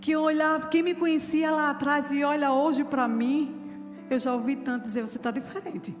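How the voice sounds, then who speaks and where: A woman's voice: sits high, steady tone, moderate pace, soft background music. Fervent woman pastor in echoing church. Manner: fervent preaching with personal testimony. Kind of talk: sermon.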